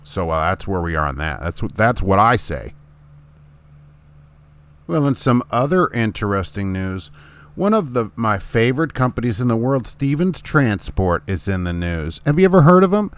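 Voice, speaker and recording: Brief: middle-aged male host, lowish voice, rambling, fired-up opinions on trucking. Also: big pitch swings, moderate pace. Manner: rambling, indignant, talks to his dog. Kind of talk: opinionated solo talk.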